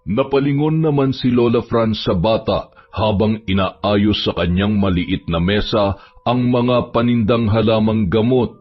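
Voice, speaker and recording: A man narrating a horror story in a steady, measured, scripted reading. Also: fairly low pitch. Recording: dull lo-fi with background music.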